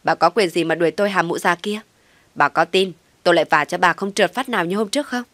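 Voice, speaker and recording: A woman's voice: on the low side, quick pace, fairly bright tone, no echo, lightly acted. Woman playing a scheming young wife. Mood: defiant. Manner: defiant, then whiny begging. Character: scheming young pregnant wife, sharp-tongued.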